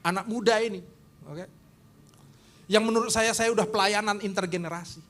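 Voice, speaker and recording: High-voiced lively male preacher. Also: normal speed. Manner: animated storytelling, acting out quoted voices with big pitch jumps. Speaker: pastor. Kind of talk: sermon with acted anecdotes.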